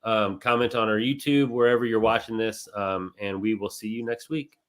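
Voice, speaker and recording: A man's voice: lowish voice, fairly even intonation, moderate pace. A man co-hosting a casual talk show, explaining things step by step in a conversational way. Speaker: co-host. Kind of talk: casual chat.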